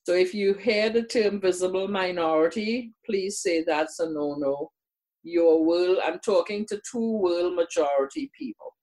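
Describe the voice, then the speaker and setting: Measured and fairly low-pitched with a darkish tone, the older woman from Trinidad and Tobago chats casually as a guest. She's a community workshop presenter who talks earnestly and leans on repetition for emphasis.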